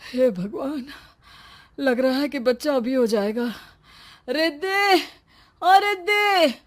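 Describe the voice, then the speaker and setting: Woman doing a whining young husband, fretful and dramatic, fairly high voice, storybook acting. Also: measured pace, a little mellow. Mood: whiny. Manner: whiny, complaining, dramatic. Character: whiny pregnant young husband, fearful and complaining.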